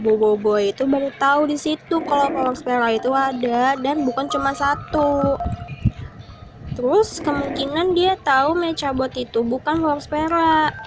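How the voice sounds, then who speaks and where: A high-voiced young-sounding woman gives casual horror game streamer commentary. She chats to viewers and mutters short, repeated words to herself while playing. Clear background noise sits behind her voice.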